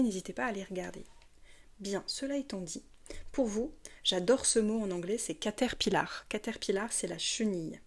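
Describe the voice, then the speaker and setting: A woman's voice: medium pitch, a little mellow. A woman giving a casual monthly tarot reading. She hesitates and stumbles over her words, with many fillers. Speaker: tarot reader.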